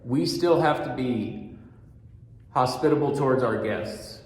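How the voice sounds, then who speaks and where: A middle-aged man, a restaurant manager, giving a staff orientation talk through a mask in a steady, fairly monotone, earnest way. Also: medium pitch, a little slow. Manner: talks through a mask, patient and repetitive. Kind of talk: training talk. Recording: very echoey room with long reverb.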